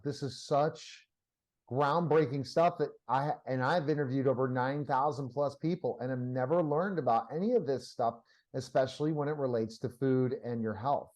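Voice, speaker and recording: A man's voice: medium pitch, normal speed, a little mellow, low-quality recording. A male interview host with a mid-range voice. He asks questions and responds to his guest with eager, affirming enthusiasm.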